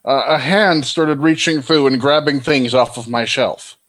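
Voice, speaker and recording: A man's voice: mid-range voice, measured pace, fairly bright tone. A man improvising narration as game master of a tabletop game in a casual style.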